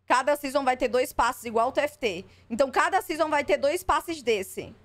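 A woman's voice: high voice, normal speed. A woman streamer reacting live, skeptical and exasperated, swearing freely. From Brazil.

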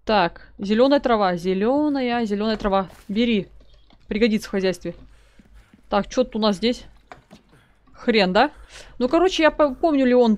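Woman gamer, slightly high voice, loose chatty commentary to her viewers while she plays. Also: darkish tone. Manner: chatty, talks to viewers as "guys", reads notes aloud. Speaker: let's play gamer. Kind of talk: casual gameplay commentary.

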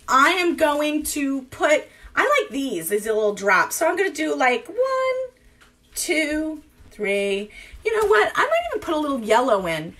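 A woman's voice: high-pitched, fairly bright tone. A woman in her forties teaching a live cooking class from her home kitchen, rambling and thinking aloud with lots of fillers.

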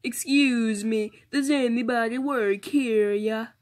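A woman's voice: a little high, lively intonation, measured pace. A woman voicing a grumpy male toy customer who pretends to be Italian in a doll play, impatient and blustering.

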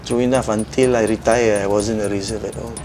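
A man's voice: lowish voice, flat delivery, brisk. Plain-spoken man with Singaporean English. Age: middle-aged. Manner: plain, direct, with local fillers. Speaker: football coach. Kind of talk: casual interview and coaching.

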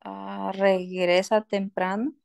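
A woman student answers her teacher's questions, hesitant and searching for words. She talks very slowly. Her pitch stays flat. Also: gravelly, clear, resonant tone. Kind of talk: online class exercise.

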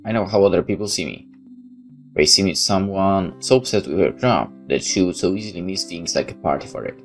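Game music runs underneath a deep-voiced man who speaks a little quickly. He's a let's player doing camera-free commentary, voicing the game's narration and adding his own remarks.

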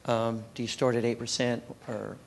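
A man moderating a conference panel, briskly passing questions to the speakers. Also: medium pitch, level tone, gravelly, slight background noise.

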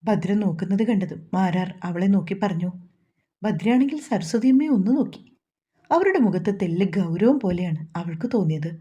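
Woman reading a Malayalam novel aloud, mellow and husky. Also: medium pitch, moderate pace, muffled recording. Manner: reads all characters' dialogue in a mostly even voice. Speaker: story narrator. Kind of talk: scripted novel narration.

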